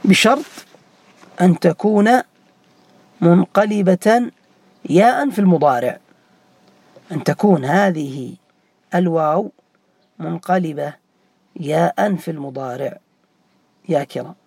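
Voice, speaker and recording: High, gravelly male teacher quizzing students. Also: a little slow, long pauses, a little mellow, no echo. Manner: quizzes students by name, repeats key forms. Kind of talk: classroom grammar lesson.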